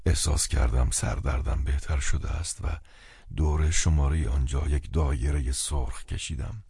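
A man narrating an audiobook in an expressive storytelling manner, recorded dry and close. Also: extremely low pitch, creaky, breathy edge, no room sound.

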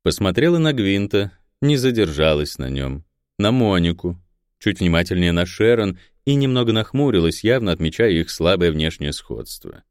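A man narrating a fantasy novel in a steady storytelling voice into a close microphone. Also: low voice, moderate pace, clean tone, no echo. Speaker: audiobook narrator.

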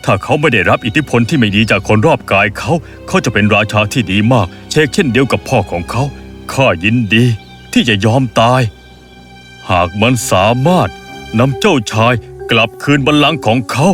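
A man's voice: medium pitch, lively intonation, moderate pace, fairly bright tone, soft background music, lightly acted. Man playing a loyal, dignified tutor-king. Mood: earnest. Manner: earnest, dignified speech. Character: loyal, humble male tutor turned king.

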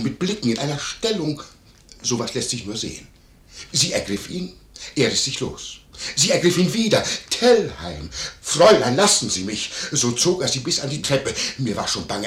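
A nosy fawning innkeeper. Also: male voice, mid-range voice. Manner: gossipy, wheedling, lively storytelling. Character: nosy, fawning male innkeeper, middle-aged. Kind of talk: 1950s radio play acting. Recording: echoey 1950s radio studio.

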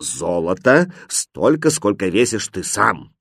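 Man putting on a snooty court lady, slow and important, dry sound. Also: lowish voice, sing-song, breathy edge, no room sound. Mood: pompous. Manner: self-important. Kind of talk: storybook reading.

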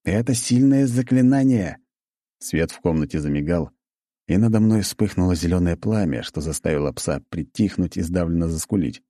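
A man narrating a first-person audiobook in an even, measured way. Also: sits low, no room sound.

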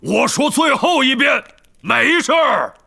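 A man voicing a huge, stubborn male gamekeeper with a gruff, hoarse voice in an audiobook. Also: mid-range voice, wildly swooping pitch, measured pace, sharp tone, pitched above the performer's own voice, full character voice. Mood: insistent. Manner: stubborn, insistent. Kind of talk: audiobook character voice.

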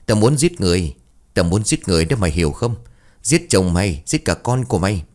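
A possessed villager snarling threats of revenge, a mother's spirit speaking through him, as a low-voiced male storyteller reads him. The voice stays deep and even, told like a spoken ghost story. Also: fast talker. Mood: menacing. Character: possessed man, vengeful mother spirit inside.

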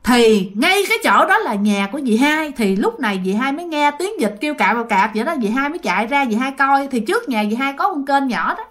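A woman's voice: high-pitched, very animated, brisk, hardly any pauses, a bit bright. A woman with a Southern Vietnamese accent casually telling a family ghost story and often speaking directly to her listeners. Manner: chatty, addresses listeners directly.

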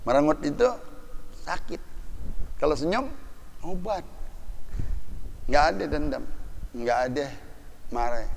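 A man preaching a sermon, animated, asking the congregation rhetorical questions. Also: medium pitch, vocal fry, slight background noise. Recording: long hall reverb.

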